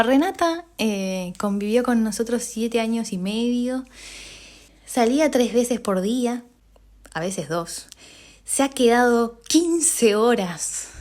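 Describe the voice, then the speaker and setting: Rioplatense woman, podcast host, personal storytelling, animated, laughs often, mid-pitched voice, fillers and sudden pitch jumps. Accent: Rioplatense Spanish.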